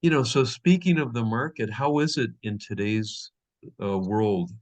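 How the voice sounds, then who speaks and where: Unhurried and mid-range in voice, a middle-aged man hosts a business interview program. His conversation as host is rambling and heavy with fillers.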